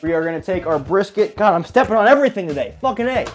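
A man's voice: high-pitched, lively intonation, fast. A man hosting a casual cooking vlog in his apartment kitchen, chatty and joking, swearing freely. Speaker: cooking show host.

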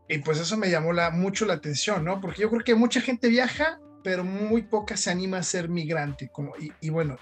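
Man in his 30s, podcast host on a headset, chatty with lots of fillers, faint music behind. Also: high-pitched. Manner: chatty, many fillers and restarts. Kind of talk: casual video-call interview. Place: home room. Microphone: headset on video call.

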